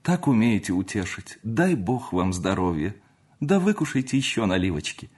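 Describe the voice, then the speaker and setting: A man's voice: on the low side, sing-song, moderate pace, a little mellow, breathy edge. A man voicing an elderly mother, a country landowner, who laments and pleads in a raised voice. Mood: grateful.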